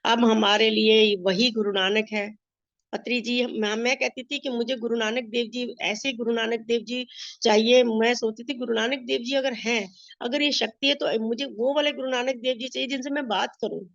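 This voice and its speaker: Middle-aged Indian woman with a fairly high voice, giving a storytelling testimony, dry and slightly muffled. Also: fairly even intonation, normal speed, creaky, fairly bright tone, no room sound. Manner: storytelling, acting out quoted dialogue. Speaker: meditation master sharing her experience. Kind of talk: personal testimony. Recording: dull lo-fi sound.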